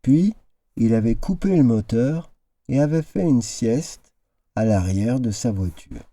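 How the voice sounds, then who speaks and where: A man narrates a whimsical tale in a slow, unhurried reading. His voice is dark and mellow, and he raises it into brief character voices for the dialogue. The sound is dry and close. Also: expressive, no room sound. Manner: shifts into character voices, high exclamations. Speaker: storyteller. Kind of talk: expressive reading of an original tale.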